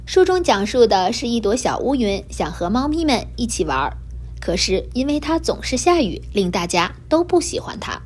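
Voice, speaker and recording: Expressive woman reading to children. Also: fairly high pitch, moderate pace. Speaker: host of a children's learning program. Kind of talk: storytelling for children.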